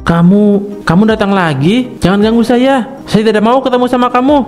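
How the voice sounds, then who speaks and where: A crazed cartoon schoolteacher who rambles, panics and breaks into cackling laughter, voiced by a man. His voice sits high, and soft music plays underneath. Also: brisk, natural voice. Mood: terrified. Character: deranged male schoolteacher, scheming then crazed. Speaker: teacher. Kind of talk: cartoon voice acting.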